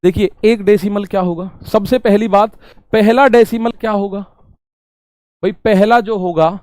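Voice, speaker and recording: A man's voice: high-pitched, steady tone, measured pace, darkish tone, clean tone, no room sound. A man teaching a math class to exam students, talking casually, repeating questions back to them and explaining with everyday examples. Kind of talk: online exam-prep class.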